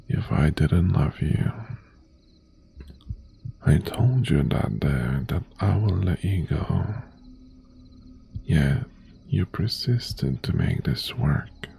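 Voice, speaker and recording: In an intimate ASMR roleplay, a man plays an obsessive, possessive mafia-boss ex-boyfriend, half-whispering with teasing menace and long pauses. His exaggerated voice is low, warm, breathy, and gravelly, with a little hiss or hum in the recording.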